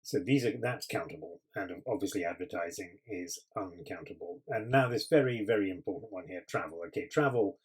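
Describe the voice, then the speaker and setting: Husky low-voiced male teacher. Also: fairly quick, few pauses, poor audio. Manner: clear, patient explanations with frequent ums. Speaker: English teacher. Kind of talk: explaining vocabulary lesson.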